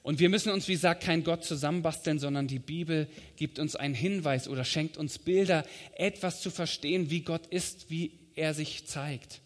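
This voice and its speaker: A man's voice: on the high side, moderate pace, hardly any pauses. Man preaching in a reverberant hall. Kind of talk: sermon.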